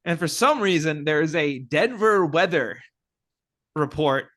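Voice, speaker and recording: A man's voice: a little high, animated, measured pace, a bit bright. A man co-hosting a podcast, wryly pointing out film details in casual chat. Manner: wry, nitpicky, points out film details and laughs. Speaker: podcast co-host.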